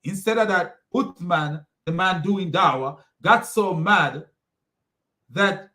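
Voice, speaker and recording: This Jamaican man, a religious commentary video host, rants online with scorn and mockery, insulting again and again while rambling and restarting. His high-set voice is slow, pushed, and bright.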